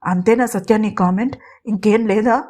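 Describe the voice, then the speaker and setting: A woman's voice: mid-range voice, normal speed, a little mellow, lightly acted. A woman voicing an angry, wounded middle-aged mother who questions sharply in an audio drama. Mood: indignant.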